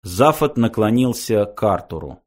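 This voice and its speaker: A man narrating an audiobook with a theatrical, expressive delivery. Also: lowish voice, normal speed. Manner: lively, theatrical storytelling.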